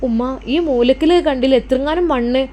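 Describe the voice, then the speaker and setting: Woman reader voicing a scared, hopeful young wife, earnest and high, Malappuram accent. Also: fairly even intonation, fairly quick, warm tone, natural voice. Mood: anxious. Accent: Malappuram Malayalam. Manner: earnest, anxious, prayerful.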